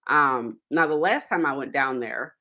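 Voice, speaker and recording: A woman hosting a solo podcast, talking casually with many fillers and soft laughs. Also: rumbling low, measured pace. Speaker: podcast host.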